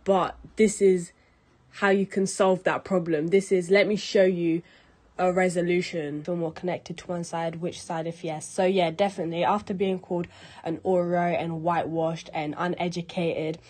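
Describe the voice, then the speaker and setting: A young woman speaks in a fairly low voice, candid and outspoken, in a relaxed interview. She rants openly and drops swear words without hesitation. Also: moderate pace. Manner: candid, ranting, swears freely. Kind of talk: casual personal interview.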